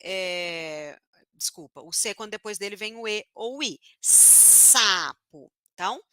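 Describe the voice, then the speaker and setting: A woman teacher from northern Paraná, Brazil, with a northern Paraná accent, giving a live online phonetics lesson and slowly repeating each sound she demonstrates. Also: medium pitch, bright, forceful tone, no room sound. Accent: northern Paraná Brazilian Portuguese.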